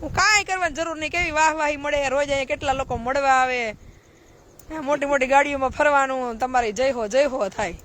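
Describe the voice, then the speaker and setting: A woman's voice: sits high, steady tone, brisk, fairly bright tone. A woman, a charity social worker giving a blunt, preachy live-stream talk full of rhetorical questions.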